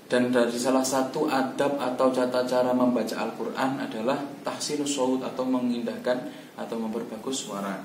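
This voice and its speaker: A man's voice: medium pitch, steady tone, moderate pace, a little mellow. A man teaching Quran recitation, explaining in a patient instructional way. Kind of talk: instructional talk. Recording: roomy echo, distant mic, faint background noise.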